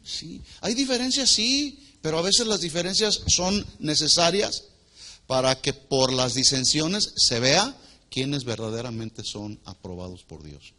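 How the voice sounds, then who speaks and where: A man preaching a sermon to a congregation as their pastor. He asks the people questions, waits for their answers, and swings between loud emphatic lines and quiet asides. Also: on the high side, lively intonation, unhurried. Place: church hall before a congregation.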